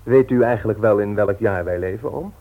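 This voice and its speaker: In a 1960s radio drama, a male actor plays a frustrated young bookseller nephew, sounding indignant, earnest and husky. His voice is on the low side, brisk and close to everyday speech, heard on a dull old recording.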